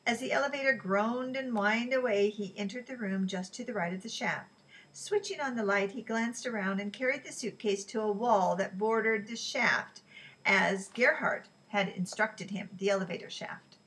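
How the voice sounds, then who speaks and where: A woman reading a novel aloud in a relaxed way, sometimes stumbling and correcting herself. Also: mid-range voice, moderate pace, rough recording. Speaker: reader.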